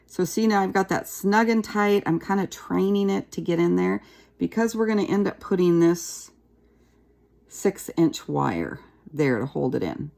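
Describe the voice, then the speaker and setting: Gravelly-voiced woman teaching a craft. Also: fairly low pitch, a little slow. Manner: chatty, relaxed, talks while working with her hands. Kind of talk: casual craft tutorial.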